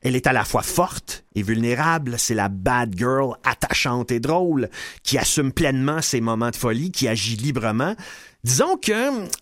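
A man's voice: medium pitch, animated, normal speed, no echo, studio quality. A man, a radio columnist chatting casually and teasing his co-host, with many fillers.

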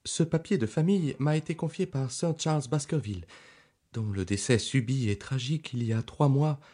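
A man's voice: moderate pace, lightly acted. A man doing a fluttery, eager young doctor. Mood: earnest. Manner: excited, high and fluttery. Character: timid, eager young country doctor, male.

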